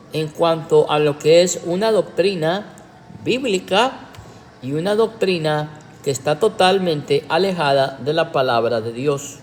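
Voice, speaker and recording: A man's voice: a little high, darkish tone, long reverb tail, slight background noise. A man, a pastor, preaching a livestreamed teaching sermon in a sarcastic way, with emphatic rhetorical questions.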